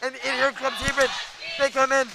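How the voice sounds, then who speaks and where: A young man calling live hockey play-by-play, excitable and quick, stumbling over names as he goes. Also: very high voice, vocal fry, noisy background. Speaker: play-by-play announcer.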